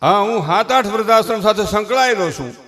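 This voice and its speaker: A man's voice: sits high, lively intonation, fairly quick, a bit bright. An older man with a Kathiyawadi Gujarati accent, a folk comedian on stage before a live audience, mixing humorous stories with preachy moral advice in rustic dialect.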